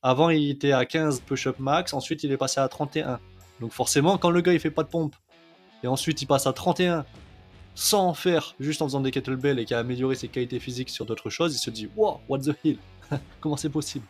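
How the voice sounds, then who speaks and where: A man's voice: medium pitch, fairly even intonation, a little fast, soft background music. A man coaching on kettlebell training in a casual video lesson, chatty, with many fillers, often checking in with "ok?".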